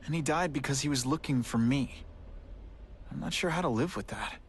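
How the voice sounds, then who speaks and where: A man's voice: medium pitch, moderate pace, a little hiss or hum, close to an everyday voice. A man playing an earnest, principled young superhero in a video game, talking sincerely in a natural voice. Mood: grieving.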